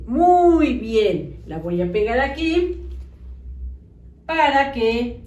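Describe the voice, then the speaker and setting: Woman teacher, children's phonics lesson, lively up-and-down voice, echoey room off-mic. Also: a little high, far from the mic. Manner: slow, exaggerated sounding-out of syllables.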